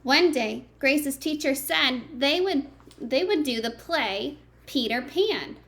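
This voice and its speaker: Reading a picture book to little kids like a teacher, a woman uses a high, expressive voice at a slow pace, pausing for easy, chatty remarks and questions to her young listeners. Background noise can be heard.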